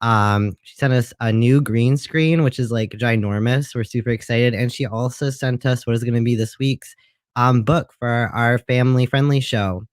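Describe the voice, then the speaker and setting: Man, livestream host, casual chat, smooth resonant voice, dry close sound. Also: medium pitch, normal speed, no echo. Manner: relaxed, chatty, many ums.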